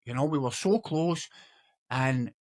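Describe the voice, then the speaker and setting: A man's voice: medium pitch, a little slow, darkish tone, no echo, studio quality. A Scottish man in his forties giving an earnest motivational talk, restarting his words often and growing emotional at times. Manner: becomes emotional when recalling loss. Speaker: motivational speaker. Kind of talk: motivational monologue.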